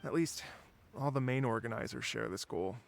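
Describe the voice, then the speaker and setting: A man voicing a gentle, gravelly traveling musician. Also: mid-range voice, moderate pace, slight background noise, lightly acted. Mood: storytelling. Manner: gentle, courteous, wistful. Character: wandering male musician, polite and dreamy. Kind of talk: video game dialogue.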